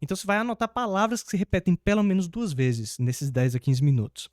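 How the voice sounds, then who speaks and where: A man, an English teacher explaining grammar to the viewer, patient and repeating key points, slowing down for each example sentence. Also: high-pitched, a little mellow, dry recording, clean studio sound.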